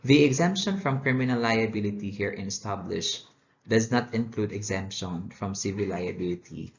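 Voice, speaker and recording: A man's voice: on the low side, vocal fry. A man with a Cebuano accent teaching criminal law, reading legal provisions aloud and adding short Cebuano asides. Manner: reads legal text aloud, mixing English with Cebuano asides. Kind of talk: recorded lecture. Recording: echoey room, dull lo-fi sound.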